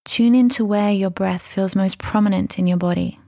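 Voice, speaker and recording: A woman leading a guided mindfulness meditation, speaking softly and soothingly, unhurried and gentle, with breathy phrase endings. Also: mid-range voice, steady tone, no echo, studio quality. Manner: soothing, unhurried, gentle instruction with long pauses.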